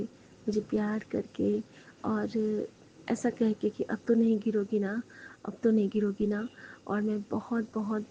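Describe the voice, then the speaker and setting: A woman's voice: on the high side, mellow. A woman earnestly retelling a dream to her congregation as a devotional testimony, speaking to her listeners directly. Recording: dull lo-fi recording with faint noise.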